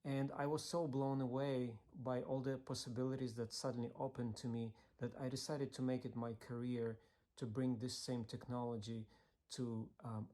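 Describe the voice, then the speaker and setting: A man from Ukraine who works on accessibility, telling his story in a pre-recorded video, earnest and steady, with small fillers. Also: mid-range voice. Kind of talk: scripted video talk.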